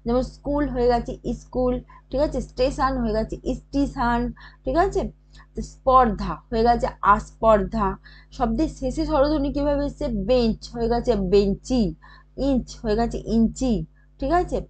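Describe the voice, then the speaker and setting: A woman's voice: high voice, brisk. A woman giving an online grammar lesson, explaining step by step with frequent hesitation fillers and a rising "okay?" to check understanding. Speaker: teacher.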